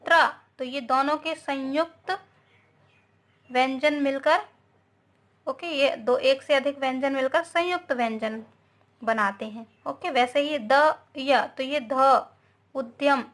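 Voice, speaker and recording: A woman teaches grammar to young children in a slow, careful way. Her voice sits high, and she keeps checking in with little tag words as she goes, slipping English into her talk. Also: steady tone. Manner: patient, repeats "okay" and "है ना", mixes English words. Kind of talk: slow, explaining Hindi grammar lesson.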